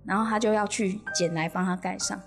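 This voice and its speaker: A woman with a Taiwanese Mandarin accent tells a ghost story on a casual podcast. Her delivery is animated, and she laughs now and then as she narrates. Her pitch sits in the middle range, with faint music playing softly underneath. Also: a little fast. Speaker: podcast host.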